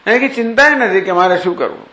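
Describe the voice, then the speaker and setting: A man's voice: sits high, fast talker, pushed and bright. Gujarati spiritual teacher man, echoey hall. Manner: explains verses with questions and examples. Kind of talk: scriptural discourse.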